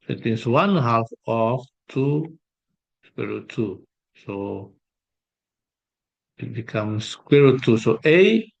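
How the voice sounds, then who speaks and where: A man working through an exam problem as a math tutor, thinking aloud with pauses and fillers. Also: medium pitch, dull audio. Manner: slow, hesitant, thinking aloud while sketching. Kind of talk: exam solution walkthrough.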